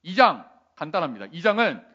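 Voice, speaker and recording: A man's voice: a little high, fairly quick, muffled recording. A male pastor telling a Bible story in a playful sermon, asking the listeners questions. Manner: animated, playful questions to the audience.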